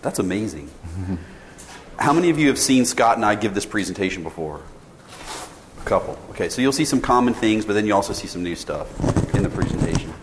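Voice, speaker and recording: A sales director in his forties gives a relaxed conference talk in a session room, speaking in a lowish, lively voice at a fairly quick clip. He keeps polling the audience with questions and often restarts his sentences. A tethered mic captures him in a reverberant hall with faint ambience and slight background noise.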